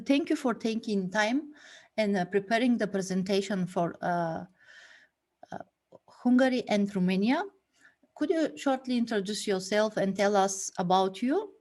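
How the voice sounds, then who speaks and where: A woman's voice: medium pitch, darkish tone. A woman hosting an online meetup over a video call, speaking hesitantly with many fillers.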